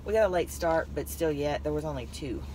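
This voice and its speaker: Brisk and dark-toned, this woman's low voice has lively intonation as she rambles chattily about her finds, laughing a lot. The vlogger's casual haul chat starts in a parked car and continues while driving. It's recorded on a dashboard phone, with plenty of car noise.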